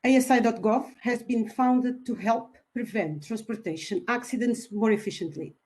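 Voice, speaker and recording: A woman's voice: a little high, normal speed, darkish tone. A woman from Portugal giving a webinar presentation over a video call, polite and a little hesitant, with some fillers. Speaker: webinar speaker, company founder.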